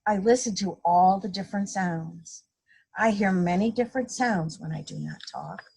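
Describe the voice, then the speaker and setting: A woman's voice: medium pitch, moderate pace, vocal fry, warm tone, breathy edge. A woman reading a picture book aloud to young children, explaining things simply and playfully acting out sound effects. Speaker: guest storybook reader, a mother. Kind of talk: read-aloud children's story time, simple teacherly explaining.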